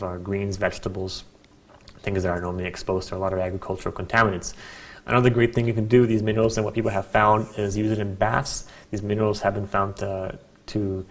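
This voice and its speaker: A man presenting a webinar as an informal hard-sell sales pitch, with chatty asides. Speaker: webinar presenter selling a product.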